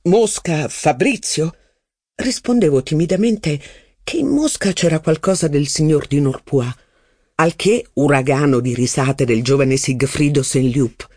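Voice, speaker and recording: A man narrating a literary novel as an audiobook, reading long sentences in an even, measured way. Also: fairly high pitch, dry recording, studio quality.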